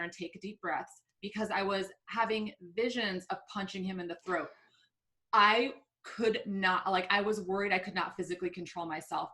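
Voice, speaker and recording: A woman co-hosting a podcast, telling personal stories in an animated way and laughing at herself. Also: mid-range voice. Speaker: podcast co-host. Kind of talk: casual podcast chat.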